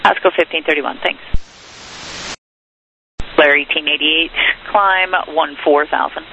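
Male air traffic controller, procedural instructions, slightly high voice, thin tinny radio link. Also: steady tone, a little slow, gravelly. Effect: aviation radio transmission. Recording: tinny hissing radio channel.

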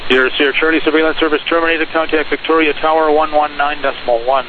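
A man working as an air traffic controller, calling headings and clearances over the radio in a brisk, clipped, procedural way. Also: fairly high pitch, fairly even intonation. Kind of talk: aviation radio communication, clipped instructions. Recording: tinny radio channel with clear hiss.

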